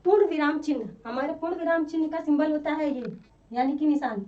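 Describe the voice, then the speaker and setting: Woman teacher, high voice, patient explanations, distant dull recording. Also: mellow. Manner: slow, explanatory, repeats examples. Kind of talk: classroom lesson.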